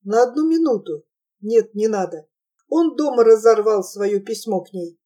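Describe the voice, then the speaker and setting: A woman reading a novel aloud as an audiobook narrator, in an even, measured storytelling manner. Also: a little high. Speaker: audiobook reader.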